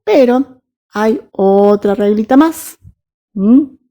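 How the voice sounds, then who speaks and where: A woman walks students through English grammar in an unhurried lesson. Her voice is mellow and rounded, and she pauses often to ask whether everyone follows. She reads her English examples out slowly and carefully. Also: on the high side, expressive. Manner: patient, checks understanding with frequent "¿sí?" and "¿mm?". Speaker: English teacher.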